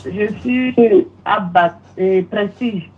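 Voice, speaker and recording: Hesitant woman caller on a muffled line. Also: medium pitch. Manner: hesitant, halting. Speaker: caller, new convert. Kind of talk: phone call.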